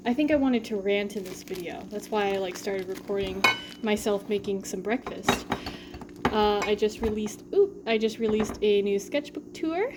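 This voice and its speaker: A woman's voice: medium pitch, a little slow, background noise. A young woman vlogging while cooking at home, talking casually and rambling with lots of fillers and self-deprecating asides. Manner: breathy, soft narration. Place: home kitchen.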